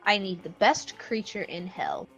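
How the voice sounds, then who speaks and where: A woman's voice: medium pitch, a bit bright, husky, faint music behind, poor audio. A woman reading as a crude, touchy teenage demon boy. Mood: swaggering. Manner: swaggering, crude, quick to take offense.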